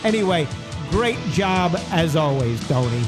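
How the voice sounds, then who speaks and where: A man's voice: a little high, very animated, unhurried, music in the background. A man co-hosting a comedic sports podcast, heckling and scolding his guest and producer in mock indignation. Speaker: podcast co-host.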